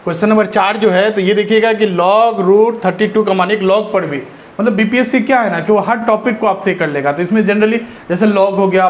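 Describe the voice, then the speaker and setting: Man, higher-pitched, teaching an exam-prep maths lesson. Faint background hiss. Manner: works through sums step by step, asks and answers himself.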